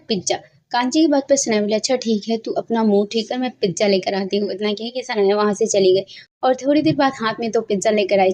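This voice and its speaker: Woman, story narrator, expressive, acts out dialogue, mid pitch. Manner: expressive, shifts voice for each character's lines.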